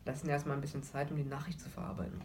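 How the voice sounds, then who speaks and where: A man voicing a worried, protective mother who speaks gently and anxiously. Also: fairly high pitch, racing, a little hiss or hum, pitched above the performer's own voice, natural voice.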